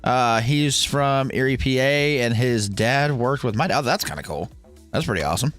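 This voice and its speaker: A man's voice: medium pitch, animated, normal speed, fairly bright tone, soft background music. A man in his thirties hosting a casual sports watch-along livestream, bantering and swearing as he answers viewer comments. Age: 30s. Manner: profane, joking banter with chat. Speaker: livestream host.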